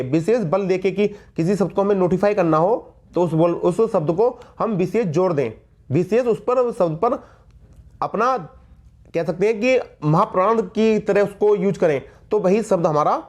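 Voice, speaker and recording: A man's voice: high voice, a little mellow. A man with a Hindi accent teaching grammar for exam prep in an emphatic way, repeating key words and calling his viewers friends.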